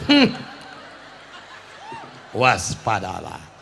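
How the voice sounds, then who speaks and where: A male Islamic preacher giving a humorous sermon, swinging between hushed and shouting. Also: fairly low pitch, wildly swooping pitch, very slow, gravelly, a little hiss or hum.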